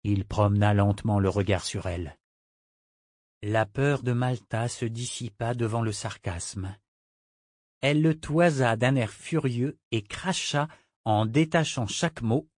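A man reads an adventure audiobook as scripted narration, measured and expressive. His voice is medium-pitched, and the studio-quality recording has no room sound.

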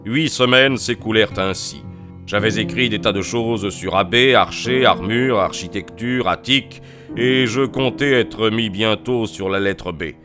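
A man narrating a classic novel as an audiobook in a steady, measured reading. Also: lowish voice, music in the background.

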